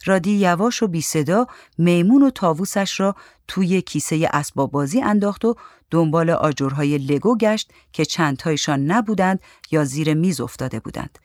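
A narrator reading a short story aloud in a calm, even literary manner. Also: mid-range voice, no room sound, studio quality.

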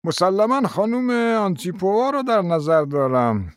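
A man doing a doddering old prince, slow and muddled. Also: high-pitched, very animated, dry recording, studio quality, pitched above the performer's own voice. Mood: mumbling, muddled. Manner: slow, mumbling, trailing off. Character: forgetful doddering old male prince, fussy. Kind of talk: audiobook character voice.

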